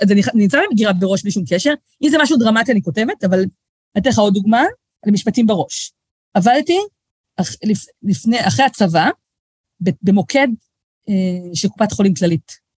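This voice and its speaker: A woman's voice: medium pitch, breathy edge, dry recording. Middle-aged woman, guest author on a podcast, chatty storyteller with a close, dry sound. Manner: lively storyteller, acts out quoted voices, frequent restarts. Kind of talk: casual podcast conversation.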